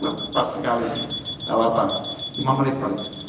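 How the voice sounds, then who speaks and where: A man preaching a sermon, lively, swinging between high emphatic calls and low asides, and chanting prayers in a sung tone. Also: brisk, heavy reverb, distant mic, background noise.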